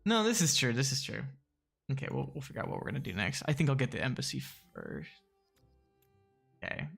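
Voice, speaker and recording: A man's voice: mid-range voice, very animated, a little fast, creaky, a bit bright, breathy edge, faint music behind. A man casually chatting while playing a strategy game on a live stream, easygoing and hesitant, with plenty of ums and chuckles.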